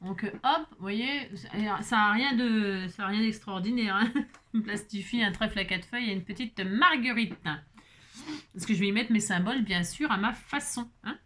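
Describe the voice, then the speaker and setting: A woman's voice: mid-range voice, moderate pace, bright, forceful tone. A woman talking casually while making a card, chatty and self-mocking with frequent exclamations. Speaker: crafting vlogger. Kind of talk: chatty crafting tutorial.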